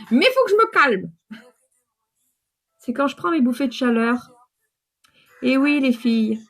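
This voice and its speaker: A woman in her fifties with a runny nose, chatting casually to viewers while doing her makeup live. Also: high voice. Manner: chatty, rambling, talks straight to viewers.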